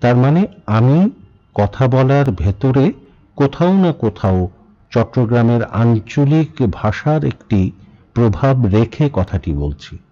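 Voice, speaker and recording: A man from Bangladesh giving a spoken lesson, measured and pausing often, asking rhetorical questions. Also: medium pitch, dark tone, muffled recording. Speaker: speaking teacher. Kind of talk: spoken lesson on standard pronunciation.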